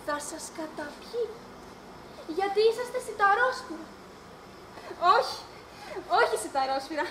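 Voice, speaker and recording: On stage in an amateur production, a woman plays a mad old grandmother who longs for babies, her voice extremely high, animated and fairly bright. She rambles in a dreamy singsong and giggles, recorded live with echo and slight background noise.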